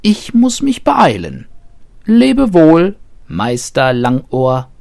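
A mischievous female goat from a storybook bleats her news with gleeful urgency, as a man voices her. Her voice is pitched high above the teller's own and bounces with lively swings. The sound is close and dry. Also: extremely slow, gravelly, no echo, heavily acted. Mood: teasing. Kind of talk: storybook reading.

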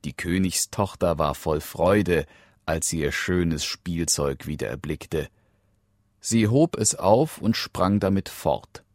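A man reading a fairy tale aloud in a slow, expressive storytelling manner. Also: sits low, dry recording, clean studio sound.

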